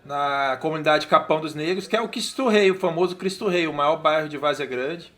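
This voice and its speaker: Male filmmaker, higher-pitched voice, easygoing scene-by-scene commentary. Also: fairly quick. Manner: relaxed, descriptive, hesitant restarts. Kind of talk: film commentary track.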